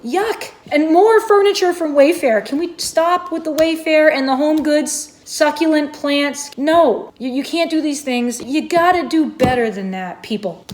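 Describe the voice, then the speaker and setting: A young woman with a high-pitched voice delivers a satirical rant about a listing, chatty and sarcastic. She sounds exasperated and keeps dropping "like" into her sentences. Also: unhurried, hardly any pauses, darkish tone, slight background noise. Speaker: home review ranter. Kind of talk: satirical ranting commentary.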